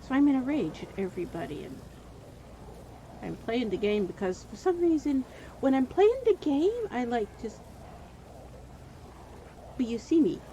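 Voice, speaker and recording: A woman streaming gameplay, her voice hoarse and wearing out, rambling and venting between comments on the game. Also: on the high side, expressive, normal speed, pauses often, mellow, lo-fi sound, slight background noise.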